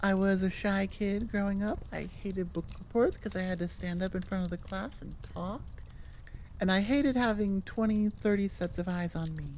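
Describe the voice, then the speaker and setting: The recording is low quality with slight background noise, as a woman at a computer microphone records into audio software. Hosting her audio channel, she gives a rambling, casual outro, making fun of herself and going off on tangents. Her voice is mid-range and a little mellow at a moderate pace.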